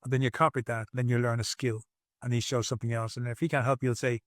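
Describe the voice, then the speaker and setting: An earnest man in his sixties tells his personal story as a podcast guest, speaking from his home over a video call. He talks reflectively, often restarting his sentences. His voice sits at an ordinary pitch, and the recording is dry. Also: level tone, fast, no echo. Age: 60s.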